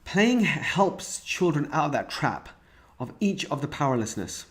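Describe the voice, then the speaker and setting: A man's voice: fairly high pitch, very animated, normal speed, fairly bright tone. Man teaching a parenting lesson. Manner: explanatory, with frequent restarts and fillers; walks through examples and stages step by step. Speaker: parenting course instructor. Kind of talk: recorded course lecture.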